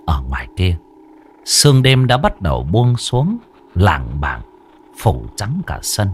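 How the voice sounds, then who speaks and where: A man narrating a ghost story in an expressive, suspenseful way. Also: sits low, slow pace, faint music behind.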